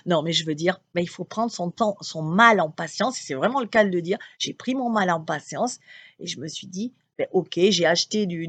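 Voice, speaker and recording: A middle-aged woman from France, a channeler talking casually to her followers, chatty and quick to laugh, with lively storytelling and frequent restarts. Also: on the low side, husky, no echo. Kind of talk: casual spoken monologue.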